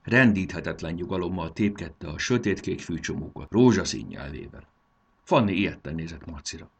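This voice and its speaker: A man narrating a children's storybook in a lively, expressive reading. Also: low voice, gravelly, breathy edge.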